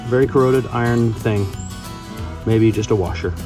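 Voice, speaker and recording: A man with a fairly low voice talks casually outdoors, thinking aloud as he presents his finds. His delivery is musing and tentative, like a hobbyist's vlog. Guitar music plays clearly behind him. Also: steady tone, moderate pace. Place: outdoors in a backyard.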